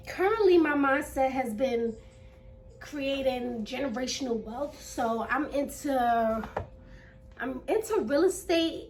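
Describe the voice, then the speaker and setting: High-voiced, breathy woman vlogging, slightly distant. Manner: earnest, repeats phrases, many fillers. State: nervous. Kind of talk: casual first-vlog chat. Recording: voice a little distant from mic.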